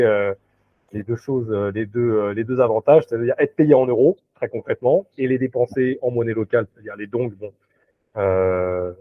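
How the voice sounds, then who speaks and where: This is a man who works in recruiting, a guest in a relaxed video-call interview. He speaks in a mid-range voice, halting with fillers and restarts, and the recording is dry and tinny.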